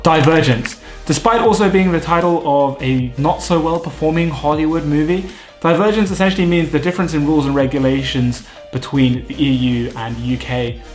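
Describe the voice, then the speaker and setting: A man hosting a vocabulary lesson, explaining terms clearly with light jokes. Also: mid-range voice. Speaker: vocabulary teacher, channel host. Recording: echoey room with faint music.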